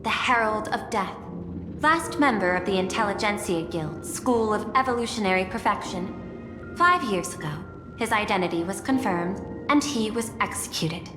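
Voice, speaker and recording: A woman plays a composed, calculating machine intelligence running a company in a game drama. The words are formal and precisely placed with dry wit, at a medium pitch. Long reverb surrounds the voice, with music underneath. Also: natural voice. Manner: formal, composed, precisely articulated, dryly teasing. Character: cool, calculating female-voiced artificial intelligence CEO.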